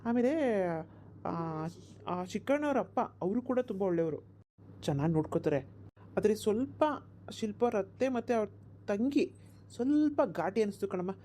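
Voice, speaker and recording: A woman voicing a grown village son in a cartoon, calmly reassuring his worried mother. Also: mid-range voice, normal speed, pauses often, a little hiss or hum, natural voice. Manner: reassuring, explanatory. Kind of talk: cartoon voice acting.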